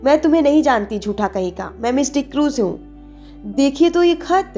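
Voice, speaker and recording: A woman doing a brisk young woman. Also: high voice, expressive, mellow, soft background music, pitched above the performer's own voice. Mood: scolding. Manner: brisk, commanding. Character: slim young Anglo-Indian woman of twenty-three, brisk and sharp.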